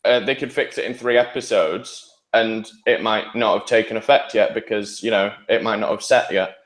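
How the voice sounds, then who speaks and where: A man's voice: lowish voice, fairly even intonation, normal speed, a bit bright. A man chatting casually as a podcast panellist, with a roomy, echoing sound. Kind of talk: casual chat about TV shows.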